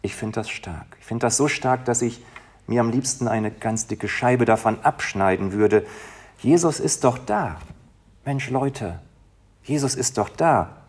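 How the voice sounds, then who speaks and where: A man delivers a sermon with a husky, breathy edge to his voice. He speaks as a pastor addressing his congregation, moving from hushed, intimate phrases to emphatic, rising appeals. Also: medium pitch, unhurried. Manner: emotional, dynamic, swings from soft to emphatic.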